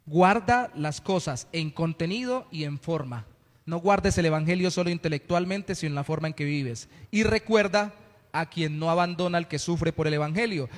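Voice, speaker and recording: A man's voice: high voice, big-room sound. A man from Colombia preaching a sermon in church, earnest and teaching, with playful asides. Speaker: pastor. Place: church hall.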